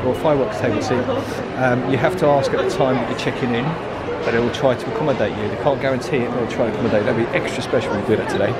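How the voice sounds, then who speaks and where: A middle-aged man narrating a casual vlog while walking through a resort. He talks in an enthusiastic, chatty way and often trails off with fillers. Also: mid-range voice. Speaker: vlogger, dad. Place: busy resort lounge and restaurant indoors. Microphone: handheld camera. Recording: loud crowd and room noise.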